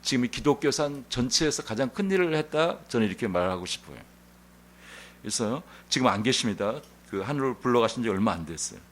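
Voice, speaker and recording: A male pastor preaching a Sunday sermon in an animated, conversational storytelling manner. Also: mid-range voice, a little fast. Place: church sanctuary.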